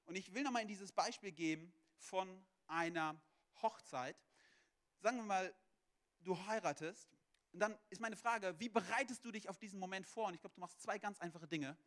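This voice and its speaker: Animated high-voiced young preacher. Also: male voice. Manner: casual, animated preaching with slang. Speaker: pastor. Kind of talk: sermon.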